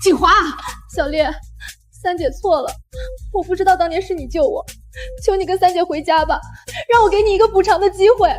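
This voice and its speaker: A woman's voice: very high-pitched, a little fast, darkish tone, faint music behind. An actress playing an emotional elder sister in a web drama, begging her brother in a pleading voice. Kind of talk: short web drama acting.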